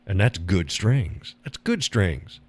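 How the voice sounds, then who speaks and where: Taking it slowly in a low, slightly rough voice with big pitch swings, a man chats casually on his live stream. He's blunt and meandering, curses freely, laughs between remarks, and goes high-pitched to imitate people.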